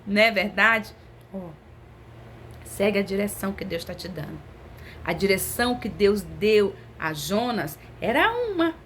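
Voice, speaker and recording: A woman's voice: mid-range voice, big pitch swings, unhurried, a bit bright, a little hiss or hum. A woman preaching a sermon in a conversational, intimate way, stretching her phrases for emphasis.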